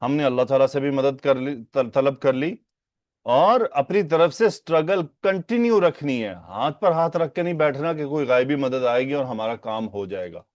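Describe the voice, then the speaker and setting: A man's voice: medium pitch, animated, darkish tone, dry recording, dull audio. Man teaching a religious text, dry sound. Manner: explains slowly, repeating Arabic phrases and asking rhetorical questions. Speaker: hadith teacher. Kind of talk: Urdu lesson on Arabic hadith grammar.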